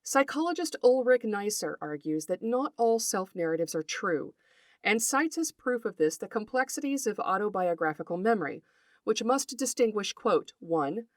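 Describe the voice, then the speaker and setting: A writer and folklorist in middle age hosts a podcast, addressing her listeners as she reads a scripted story in an articulate, measured way. Her voice is medium-pitched and expressive, captured in a dry recording.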